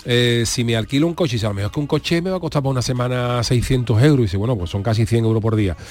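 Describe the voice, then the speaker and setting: A man talking quickly on a casual radio show. He rambles through his points, restarting sentences and laying out examples step by step. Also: mid-range voice, a little mellow.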